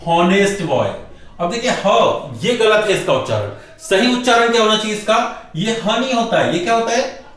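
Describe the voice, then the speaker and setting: A middle-aged man teaching English grammar in a lecture style, who keeps asking rhetorical questions, answers them himself, and drags out key words slowly for emphasis. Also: high voice, big pitch swings, fairly bright tone, faint music behind. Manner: often calls the viewer "bhai". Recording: very echoey room, voice far from mic.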